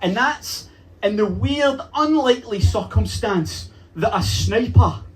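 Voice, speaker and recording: A young man with a Glaswegian Scottish accent doing a stand-up comedy set in a club, telling punchy stories with swearing and acting out shouted lines. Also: sits high, lively intonation, slow pace, low-quality recording. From Glasgow, Scotland. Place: comedy club with a live audience. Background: audience laughter.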